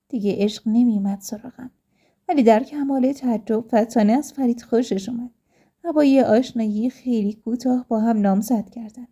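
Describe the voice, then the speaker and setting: A woman narrating a first-person life story in a calm, steady reading voice. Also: a little high, husky.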